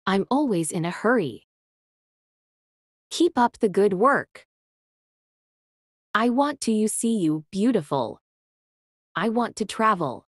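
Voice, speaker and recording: A woman teaching beginners, reading each short phrase with great care. Her delivery is extremely slow and her pitch swings widely from phrase to phrase. The sound is dry and close with no room echo. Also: sing-song. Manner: reads each short phrase slowly and clearly, with long pauses. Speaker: English teacher. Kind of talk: slow phrase drills for learners.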